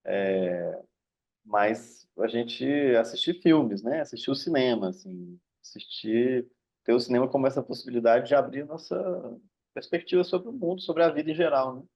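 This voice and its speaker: Gravelly man moderating over dull call audio. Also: mid-range voice, moderate pace, darkish tone. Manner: thoughtful, hesitant, with many tag questions. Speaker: mediator. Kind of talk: moderating an online discussion.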